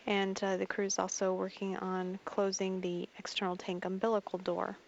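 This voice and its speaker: A woman giving measured, formal live spaceflight commentary as a mission control announcer. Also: mid-range voice, monotone, vocal fry. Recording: dull broadcast audio with faint noise.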